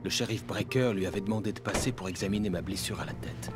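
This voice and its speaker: A man's voice: on the low side, fast, loud music behind the voice, close to an everyday voice. A man playing a troubled writer searching for his wife, grave and guarded, in video game narration and dialogue.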